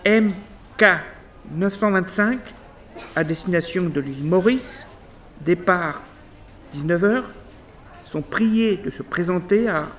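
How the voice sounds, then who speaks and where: A man reading scripted airport announcements in a formal, segmented, phrase-by-phrase delivery. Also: sits high.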